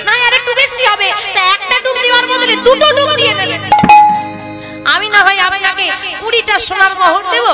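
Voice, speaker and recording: A wheedling young courtesan, put on by a woman storyteller, who coaxes and bargains in a high, bright voice. Loud instrumental music plays behind her. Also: fairly even intonation, brisk, over a noisy crowd. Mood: coaxing.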